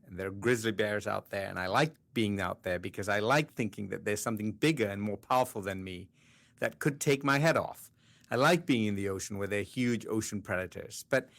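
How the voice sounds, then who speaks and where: Low, gravelly man speaking thoughtfully. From Sri Lanka. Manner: measured, thoughtful, often quiet. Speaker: conservation scientist guest. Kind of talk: reflective interview answers.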